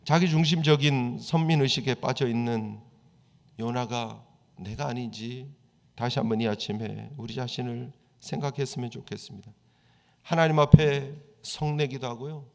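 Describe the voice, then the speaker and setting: A man's voice: medium pitch, steady tone, normal speed, creaky. A male pastor preaching a sermon in a conversational style. He acts out the quoted prayers and complaints of the people he describes. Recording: church hall reverb.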